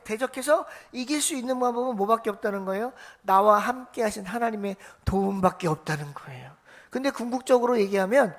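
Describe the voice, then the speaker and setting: A woman pastor preaches a Sunday sermon in a church, her voice sitting a little high. She keeps asking the congregation questions and then answering them herself. She also acts out the voices of the figures in her story. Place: church sanctuary.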